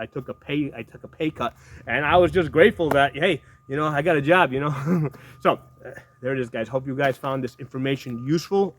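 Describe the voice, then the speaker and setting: This fifty-something video host talks to camera casually, bluntly and ramblingly, often restarting words and repeatedly tacking on "right?" His voice is mid-range and slightly bright.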